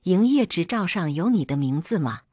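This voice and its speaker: A woman's voice: lowish voice, big pitch swings, moderate pace, warm tone, breathy edge, dry recording, clean studio sound. Woman reading as a domineering old father-in-law. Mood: angry. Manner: barking, scolding.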